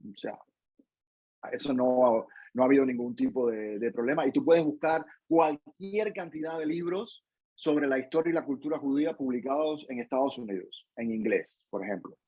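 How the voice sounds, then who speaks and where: Husky Cuban man with restarts. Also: mid-range voice, moderate pace, dark tone, dry recording, highs cut off. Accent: Cuban Spanish. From Cuba. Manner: thoughtful, many restarts and tag questions. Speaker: interview guest, professor. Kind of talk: casual interview answers.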